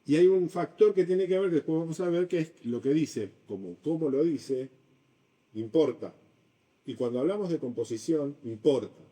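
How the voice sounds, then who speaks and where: A man giving a university design lecture in a classroom, lively and acting out his examples. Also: on the high side, moderate pace, distant mic, rough recording. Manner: animated, acts out examples with shifting voice. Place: lecture room.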